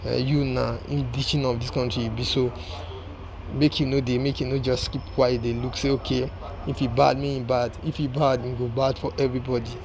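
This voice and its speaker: A Nigerian man speaking in Nigerian Pidgin, giving informal political commentary to viewers as a channel host, with repetitive, halting phrasing. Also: mid-range voice, little pitch movement, background noise.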